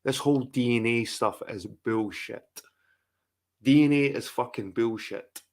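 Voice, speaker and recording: This livestream host, a middle-aged man from England, goes on a profane, repetitive, rambling rant during a casual chat stream. He speaks unhurriedly in a mid-range voice with a slightly mellow quality.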